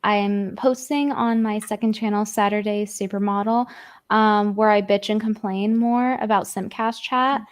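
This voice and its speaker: A woman's voice: medium pitch, steady tone, a little slow, clear, resonant tone. A woman with a New York accent, a podcast co-host reading and complaining about comments in casual, swearing chat. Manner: chatty, complaining, swears freely.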